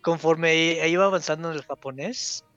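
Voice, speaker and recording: A man's voice: fairly high pitch, moderate pace, fairly bright tone, no echo, soft background music. Man, Mexican Spanish accent, casual chat, slangy, repeats fillers, dry, slightly muffled sound.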